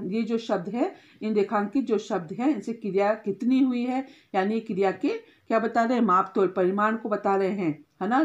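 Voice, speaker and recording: A woman's voice: medium pitch, darkish tone, lo-fi sound. A woman teacher giving a grammar lesson to schoolchildren, explaining step by step, often checking in with a short tag question and correcting herself as she goes.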